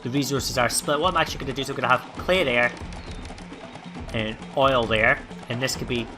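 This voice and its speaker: A man hosting a let's play, giving relaxed gameplay commentary and thinking aloud with plenty of ums and uhs. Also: mid-range voice, a little fast, music in the background.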